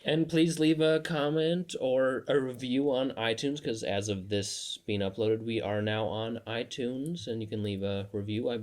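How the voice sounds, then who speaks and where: A man's voice: medium pitch, measured pace, hardly any pauses, a little mellow. A man co-hosting a casual podcast, asking lots of questions with playful confusion. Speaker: podcast co-host.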